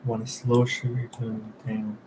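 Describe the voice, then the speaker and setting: Over a noisy background, a young man speaks slowly and in a monotone, his pitch fairly low. He's a student preparing for an exam, thinking aloud and quizzing himself quietly, trailing off whenever he's unsure.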